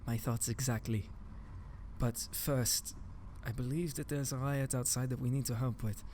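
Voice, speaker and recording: A man's voice: medium pitch, fairly even intonation, normal speed, warm tone, slight background noise. A man playing his character in a tabletop game, urgent and pleading, often stammering. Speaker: player. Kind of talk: in-character tabletop role-play.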